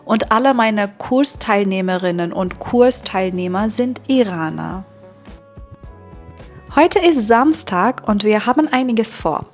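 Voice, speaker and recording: A woman from Iran, a German teacher, narrating a vlog for learners in a slow, deliberate way with some filler sounds. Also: medium pitch, animated, faint music behind.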